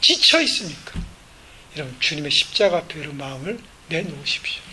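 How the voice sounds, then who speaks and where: Male pastor, high voice, emphatic church sermon full of rhetorical questions. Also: animated, fast talker, pushed and bright, slight background noise, poor audio. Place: church sanctuary.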